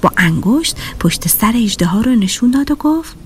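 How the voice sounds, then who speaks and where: A woman narrating a children's audio story in an expressive voice. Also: a little high, noisy background. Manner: expressive and animated.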